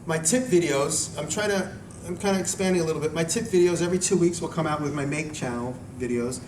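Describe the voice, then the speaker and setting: A man's voice: a little high, fast. A man speaking informally to a live audience as a video maker, in a rambling, conversational way that often doubles back on itself. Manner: conversational, rambling, self-interrupting. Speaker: video maker giving a talk and taking audience questions. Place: echoey room at a live event. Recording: echoey room, distant mic, noisy background.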